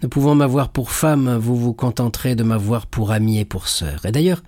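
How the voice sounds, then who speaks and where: A man's voice: medium pitch, normal speed, warm tone, dry recording, studio quality, lightly acted. A man reading aloud voices a passionate, loyal young fiancée who pleads with fervor in a storybook. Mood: earnest pleading. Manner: fervent, tearful pleading.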